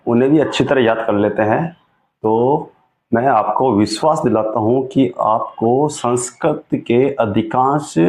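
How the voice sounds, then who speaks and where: A man's voice: mid-range voice, darkish tone, poor audio. A man teaching a Sanskrit lesson, explaining patiently and often checking with his viewers. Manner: patient, repeats and checks with "ठीक है?". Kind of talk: slow explanatory classroom lesson.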